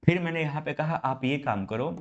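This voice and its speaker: A man's voice: fairly high pitch, a little fast, highs cut off, slight background noise. Hindi-speaking man teaching an English class. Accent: Indian English. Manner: explains step by step, calls students "my brother"; asks students rhetorical questions. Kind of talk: online class lecture in Hindi.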